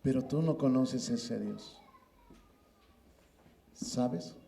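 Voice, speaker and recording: A man's voice: mid-range voice, extremely slow, gravelly, mellow, roomy sound, slight background noise. A middle-aged man preaching a sermon as pastor, emphatic and often addressing listeners as brother. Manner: emphatic, repeats "hermano" often.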